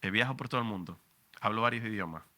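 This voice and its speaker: Canarian journalist, forties, passionate panel speaker, sharp bright tone, lowish voice. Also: male voice, very fast. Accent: Canarian Spanish. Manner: passionate, emphatic, frank and profane. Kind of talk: public talk at a book presentation.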